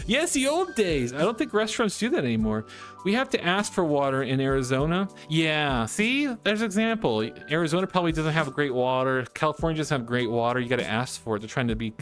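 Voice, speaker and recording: A man chatting casually on a live stream, reading chat and giggling often as he rambles. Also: medium pitch.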